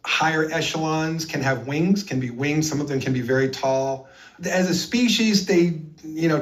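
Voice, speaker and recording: Earnest man, heard from a distant mic. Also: mid-range voice. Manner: earnest, emphatic, with many fillers. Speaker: interview guest. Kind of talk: recounting experiences in an interview.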